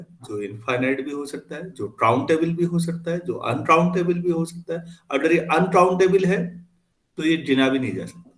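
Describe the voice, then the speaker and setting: A man's voice: on the high side, reverberant. A man teaching a class in a conversational way, often asking his students questions. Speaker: math teacher. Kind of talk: classroom lecture.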